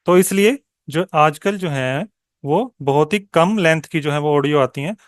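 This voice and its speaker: Higher-voiced tutor, smooth and clear. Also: male voice, no room sound, clean studio sound. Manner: mixes Hindi and English, checks in with frequent "okay?"; slow, deliberate when modelling answers. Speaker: exam coaching tutor. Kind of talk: online exam-prep lesson.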